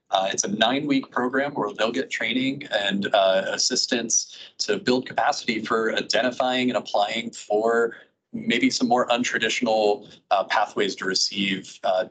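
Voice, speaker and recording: A man giving updates at a public advisory board meeting, talking in a relaxed way with many filler sounds. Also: lowish voice, slight background noise, poor audio. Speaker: regional planning staff presenter. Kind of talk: meeting presentation.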